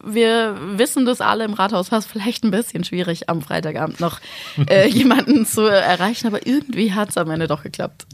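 Slightly raspy woman co-hosting a news podcast. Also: mid-range voice, a little fast, no room sound. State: slight cold.

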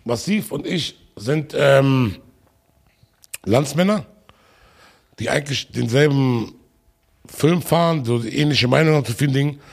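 A man's voice: medium pitch, a little slow, gravelly, long pauses. A man guesting on a podcast, chatting casually and joking boisterously with a lot of laughter.

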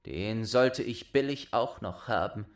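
A man voicing a sly, greedy male innkeeper in a fairy tale reading, murmuring low and hushed as he schemes. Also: measured pace, close to an everyday voice. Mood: scheming.

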